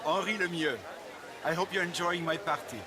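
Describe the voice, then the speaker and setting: A man's voice: sits high, steady tone, brisk, a crowd in the background, natural voice. A man playing an urbane, wry city mayor in a video game, polite and self-deprecating. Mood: wry, genial. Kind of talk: video game character acting.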